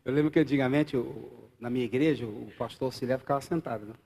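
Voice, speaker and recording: A pastor with a Brazilian Portuguese accent preaches a live church sermon, swinging between loud exclamations and quiet asides and bantering with the congregation. His creaky voice is medium-pitched and quick.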